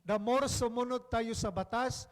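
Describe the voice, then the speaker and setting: High-voiced Filipino priest preaching. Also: male voice, steady tone, a little slow. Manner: conversational, prompts congregation, mixes English phrases. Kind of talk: sermon. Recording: reverberant church hall.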